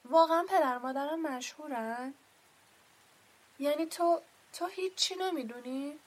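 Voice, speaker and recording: A woman's voice: fairly high pitch, lively intonation, breathy edge. A woman reading aloud and voicing a polite, curious young boy who keeps asking puzzled questions.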